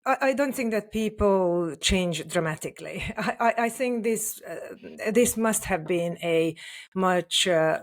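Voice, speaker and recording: A middle-aged woman from Hungary, a native Hungarian speaker, answering interview questions as a company CEO, with many fillers and restarts. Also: lowish voice. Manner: hesitant, many fillers and restarts, laughs softly. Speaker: podcast guest, company CEO. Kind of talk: interview conversation.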